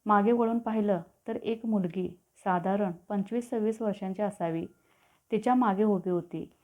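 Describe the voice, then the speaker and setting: A woman reading a story aloud in a calm, descriptive manner. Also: mid-range voice, normal speed. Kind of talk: scripted story narration. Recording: tinny phone-like audio.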